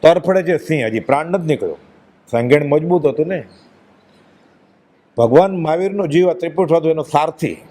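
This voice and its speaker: An emphatic man delivers a devotional discourse, pressing his points with rhetorical questions. His voice is somewhat high for a man. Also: moderate pace, pauses often, mellow. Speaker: religious speaker.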